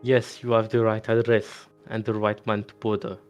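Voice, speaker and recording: A man's voice: lowish voice, little pitch movement, moderate pace, soft background music, close to an everyday voice. A man voicing an aloof, dismissive male raccoon dog healer in a cold, formal tone.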